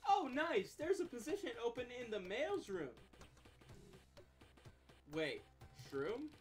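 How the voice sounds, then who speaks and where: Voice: medium pitch, wildly swooping pitch, takes it slowly, soft background music, pitched above the performer's own voice. A streamer voicing Oscar, a cheery and pushy male office coworker, in a bubbly, teasing voice. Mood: chipper.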